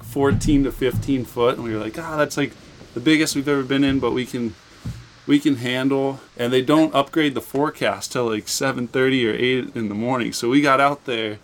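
A young man telling a story in an interview, laid-back with casual surfer slang. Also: mid-range voice. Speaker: guest.

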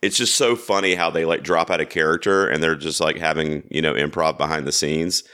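Deep-voiced male podcast host. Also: fairly even intonation, a little fast, bright, forceful tone. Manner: easygoing, loose, chatty. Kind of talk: casual chat.

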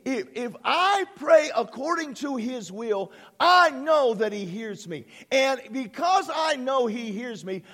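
A man preaching a sermon as pastor, exclaiming hallelujahs, calling on the congregation to answer and swelling into shouts. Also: very high-pitched, gravelly, long reverb tail. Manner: asks the congregation to respond.

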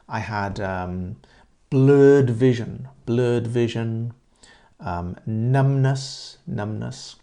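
A middle-aged Englishman from Great Britain, an English teacher asking and answering conversation questions and repeating phrases slowly for learners. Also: medium pitch, vocal fry, warm tone.

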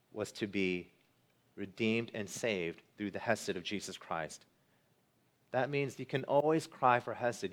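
A man preaching a sermon as pastor, earnest, building to emphatic peaks and then dropping quiet. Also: medium pitch.

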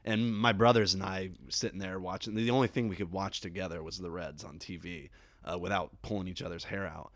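A man's voice: low-pitched, steady tone, fairly quick, no echo. A man from the Cincinnati area, a podcast guest chatting casually and laughing often as he tells stories. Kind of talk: casual chat.

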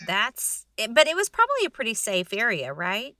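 A woman's voice: fairly high pitch, huge pitch swings, normal speed, sharp tone, dry recording, studio quality. A woman interviewing a guest in a casual chat, asking short questions and giving encouraging reactions.

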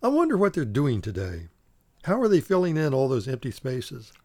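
A man's voice: mid-range voice, huge pitch swings, moderate pace. A man doing a curious little inner voice. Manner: gently questioning.

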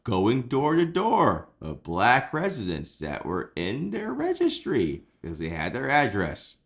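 Drunk Southern man host, lively pitch, profane, rambling. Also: a little slow. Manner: rambling, profane, self-mocking. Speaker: podcast host. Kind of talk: comedic casual chat.

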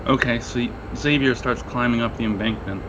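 A game master runs a tabletop role-playing game, improvising narration casually and conversationally while reacting to his players. His medium-pitched voice is brisk. The highs are cut off, and a loud crowd can be heard.

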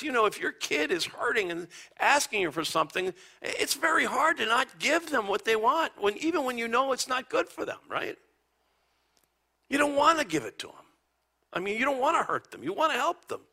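A man preaching a conversational sermon as a pastor, telling stories and often dropping to a hushed near-whisper. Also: extremely high pitch, big pitch swings, moderate pace, gravelly, breathy edge.

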